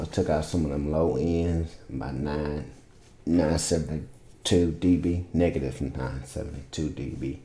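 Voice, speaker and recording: In a casual screen-share tutorial on vocal mixing, a very deep, dark-toned male producer rambles along in a laid-back, informal way. Roomy echo colors the recording.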